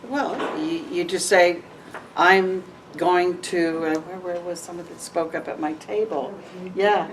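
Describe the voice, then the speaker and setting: Woman, low voice, candid, animated, interview guest, distant mic, faint noise. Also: normal speed. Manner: frank and animated, laughs often. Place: event venue with audience tables.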